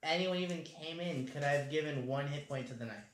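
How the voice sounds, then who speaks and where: A man's voice: on the high side, brisk. A man playing at a tabletop game, eagerly asking questions and cutting in. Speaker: player. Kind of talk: casual table talk. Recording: roomy, distant mic.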